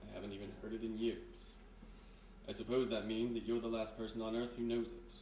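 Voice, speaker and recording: In a live 1940s-style radio mystery staged in a historic house room, an actor voices a sinister, soft-spoken, courteous hypnotist with soft, calm menace, measured, insinuating, polite and deliberate. His male voice is fairly low and dark, with little pitch movement, close to an everyday voice. It's a roomy, distant live recording with background noise.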